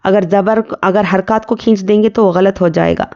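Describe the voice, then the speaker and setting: A woman teaching Quran recitation rules, spelling out letters and vowel marks slowly and asking her students rhetorical questions. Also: medium pitch, steady tone, darkish tone, lo-fi sound. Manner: patient, drawn-out syllable-by-syllable drilling with rhetorical questions.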